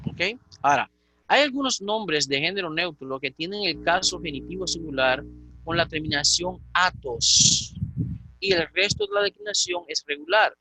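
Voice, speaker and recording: A man teaching a Greek grammar lecture, patiently repeating and slowly spelling out word forms. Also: high-pitched, gravelly, sharp tone, slightly rough, dry recording, poor audio.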